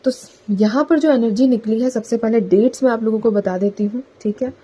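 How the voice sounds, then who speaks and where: A woman's voice: a little high, fairly quick, mellow, slightly rough, poor audio. A woman giving a casual collective tarot reading to her viewers, talking in a chatty way and often adding "theek hai" as a filler. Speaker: tarot reader.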